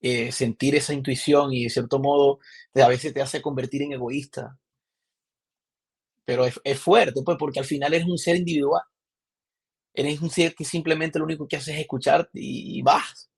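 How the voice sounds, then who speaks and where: A young Venezuelan man with a Maracaibo accent, a podcast guest chatting casually and telling animated stories with many restarts. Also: mid-range voice, moderate pace, creaky, slightly rough. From Venezuela, Zulia. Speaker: podcast guest, film director. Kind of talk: casual interview chat.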